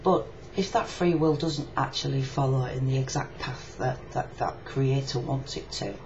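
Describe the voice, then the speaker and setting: A Yorkshire woman, a video blogger, records a personal video reply indoors, talking casually, frankly and reflectively. Her very deep voice is a little mellow and moves at a moderate pace, while the webcam audio is muffled and lo-fi with clear background noise.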